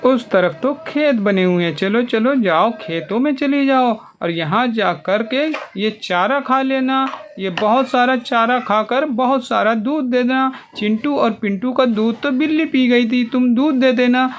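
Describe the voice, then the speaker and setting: Very high-voiced man narrating toy play. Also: measured pace, few pauses, muffled recording, a little hiss or hum. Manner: animated, coaxing, exclamatory. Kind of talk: playful toy narration for children.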